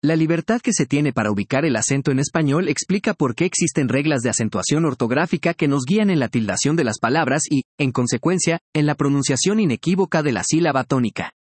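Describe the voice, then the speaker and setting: A man reading a scripted language lesson in a measured, explanatory way, each word clearly pronounced. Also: a little high, animated, no echo. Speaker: language teacher. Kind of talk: scripted educational narration.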